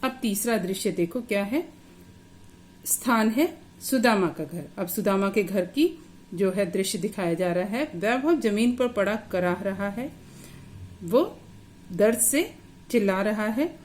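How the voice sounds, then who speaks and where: A woman's voice: mid-range voice, expressive, unhurried, darkish tone, slight background noise. Woman teacher explaining a play aloud. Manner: reads each line, then explains it plainly. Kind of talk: reading and explaining a play to a class.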